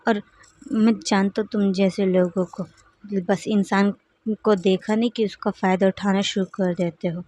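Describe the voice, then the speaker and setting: A woman's voice: mid-range voice, steady tone, warm tone, no echo, natural voice. A woman doing a sleepy, rude young rebel. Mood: irritated. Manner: sleepy and slow, then irritated.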